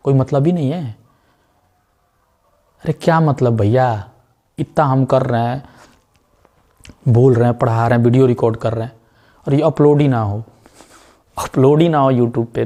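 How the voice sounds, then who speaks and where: A man teaching a math lesson in a loose, chatty way. His voice is dark and mellow, and he keeps checking that the students follow along, dropping in jokey asides. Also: medium pitch. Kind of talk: chatty classroom lesson with side talks.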